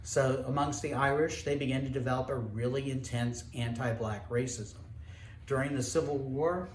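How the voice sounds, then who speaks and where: A man delivers a history lecture in a steady, explanatory manner, pausing now and then to rephrase. His voice sits at an ordinary middle pitch. The recording has a noticeable room echo and a faint background noise. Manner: measured, explanatory storytelling with occasional hesitations.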